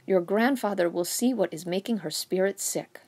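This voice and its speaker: A woman's voice: mid-range voice, moderate pace, darkish tone, natural voice. A woman reading aloud voices a devout, worried grandmother who speaks emphatic. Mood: explaining. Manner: emphatic, scolding, fond.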